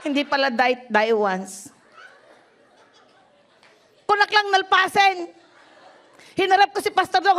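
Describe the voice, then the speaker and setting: A middle-aged woman pastor, giving an animated testimony sermon. She moves from laughing and shouting to soft, low tones.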